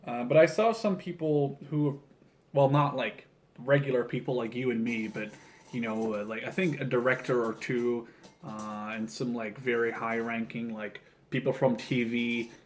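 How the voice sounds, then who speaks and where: Building a toy model at a table in a small room at home, a video creator from Canada in his early twenties talks casually and rambles, frequently cutting in with jokey asides. He has a mid-range voice with a steady tone at normal speed, recorded by a camera on a tripod roughly one to two metres away.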